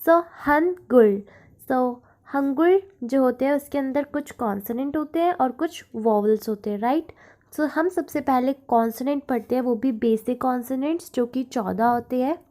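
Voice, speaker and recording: A woman's voice: high-pitched, moderate pace, mellow. A woman teaching the sounds of a foreign alphabet step by step, repeating each sound and giving simple example words. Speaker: language teacher. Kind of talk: slow, step-by-step language lesson.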